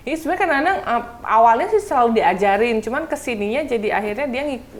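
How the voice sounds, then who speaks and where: A woman's voice: on the high side, animated, quick pace. A woman in her thirties chatting casually as a talk show guest, often laughing as she tells stories. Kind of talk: casual chat.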